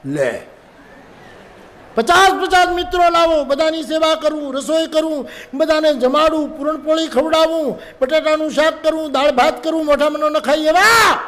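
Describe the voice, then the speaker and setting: A male storyteller voicing an indignant, sharp-tongued housewife who scolds loudly. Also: animated, normal speed. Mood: indignant scolding. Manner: shrill, emphatic scolding.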